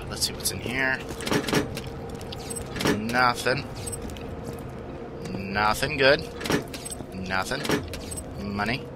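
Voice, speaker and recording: Brief: joking male gamer rambling through let's-play commentary, with clear game gunfire noise behind. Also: fairly low pitch, very slow, long pauses. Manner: rambling, joking, talking to himself. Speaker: gaming video host.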